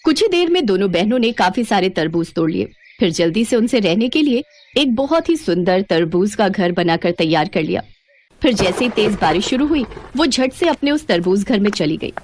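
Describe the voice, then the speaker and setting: A woman narrating a moral story for a cartoon in a dramatic, expressive way. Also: medium pitch.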